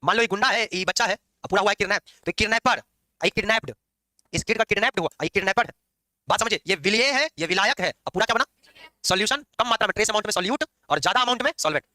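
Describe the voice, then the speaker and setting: A man teaching chemistry in a classroom lecture, lively and teasing his students as he explains. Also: sits high, fast, dry recording. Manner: lively, scolding and joking with students.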